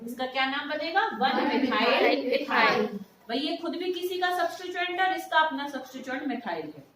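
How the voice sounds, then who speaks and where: With a high-pitched, fairly bright voice and a brisk delivery, a woman lectures on chemistry as if in a classroom, speaking warmly to her students and answering the questions she asks them. There's slight background noise in the recording.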